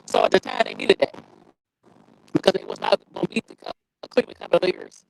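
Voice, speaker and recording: A man's voice: high voice, brisk, creaky, no room sound. A man talking casual basketball over a remote call that sounds muffled and breaks up, as if heard through a wall. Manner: loose, drawling slang talk with restarts.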